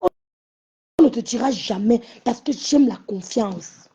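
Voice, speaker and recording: Husky, gravelly woman ranting. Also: on the high side, slow pace. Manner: animated, mocking, slangy, loud outbursts. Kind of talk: casual social media rant. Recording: muffled lo-fi sound.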